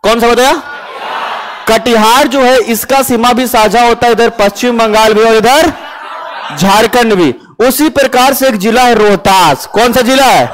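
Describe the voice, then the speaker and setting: A male teacher runs a lively classroom lesson. His voice sits high and he takes his time, asking the room questions and answering them himself. A faint hiss of room noise stays under his voice. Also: measured pace, some chatter behind, rough recording. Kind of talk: classroom lesson with memory tricks. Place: classroom with live students.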